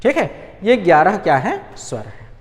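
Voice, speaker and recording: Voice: mid-range voice, sing-song, moderate pace, long reverb tail. A teacher giving an exam-prep lecture, asking questions and answering them, repeating key points and sounding out examples. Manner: demonstrates sounds aloud.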